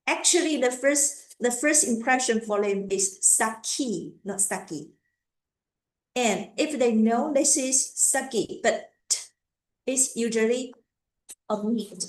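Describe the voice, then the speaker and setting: A woman giving a lecture on language teaching, speaking haltingly and repeating words as she goes. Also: fairly high pitch, a little mellow, echoey room, low-quality recording.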